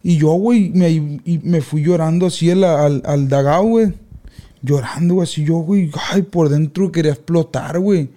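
A young man, telling childhood stories in casual podcast chat with loud outbursts. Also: fairly high pitch, moderate pace. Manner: animated slangy storyteller, loud outbursts. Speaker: podcast co-host.

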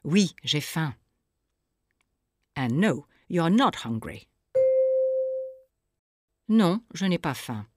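A woman narrating a scripted audio language lesson, explaining phrases slowly and clearly for the listener to repeat. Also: low-pitched, big pitch swings, very noisy. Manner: slow, clear teaching delivery with pauses for repetition.

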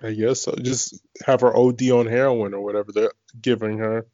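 A man's voice: on the low side, level tone, normal speed, warm tone, no echo. A man chatting casually while watching a TV show, joking around with crude banter. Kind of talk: casual chat. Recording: dull lo-fi dry sound.

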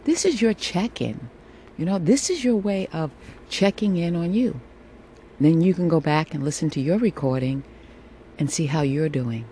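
A woman's voice: low-pitched, lively intonation, moderate pace, warm tone. A woman with a sultry voice hosting a casual solo podcast, speaking in a reassuring way with repeated phrases into a phone at home. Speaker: podcast host. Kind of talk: casual solo podcast monologue, encouraging check-in. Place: room at home with air conditioning running. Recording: air conditioner hum behind voice. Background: faint air conditioning noise.

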